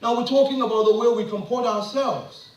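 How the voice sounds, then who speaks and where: A middle-aged Ghanaian man gives an impassioned public address packed with rhetorical questions that climb to emphatic peaks. His voice is extremely high-pitched with fairly even intonation and a slightly fast pace, and the dull audio comes from a distant mic in a very echoey room.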